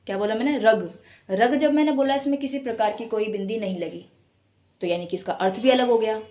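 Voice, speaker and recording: A woman gives an online Hindi lesson in a voice set a little above the usual. She explains each point step by step and draws out example words slowly to show stress and tone. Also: a little high, a little mellow. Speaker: Hindi teacher. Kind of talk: online class lecture.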